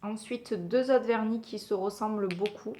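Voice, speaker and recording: A woman's voice: mid-range voice, normal speed, mellow, slight background noise. A woman talking casually as a beauty vlogger, chatty and hesitant with many fillers. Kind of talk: casual product review.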